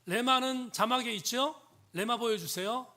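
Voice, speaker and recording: A man pastor preaching a sermon in a church, emphatic, often dropping into hushed, near-whispered tones. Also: very high-pitched, moderate pace. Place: church sanctuary.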